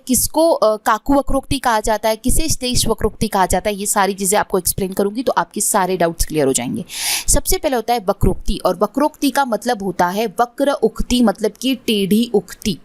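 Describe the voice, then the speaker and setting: Woman tutor, fairly high voice, dry close sound, explains exam questions and checks in often. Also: dry recording. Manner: mixes English words into Hindi, checks in with "theek hai". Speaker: exam prep teacher.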